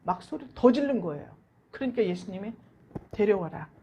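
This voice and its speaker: A woman pastor giving a Sunday sermon, telling the story with animated, questioning delivery. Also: on the high side, normal speed, a little hiss or hum. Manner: animated storytelling preaching, asks rhetorical questions.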